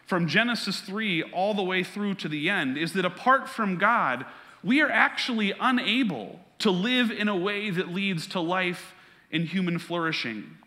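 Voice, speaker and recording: A man's voice: high-pitched, pushed and bright, long reverb tail. A man preaching a sermon as pastor, earnest and conversational, weaving a personal story into his teaching.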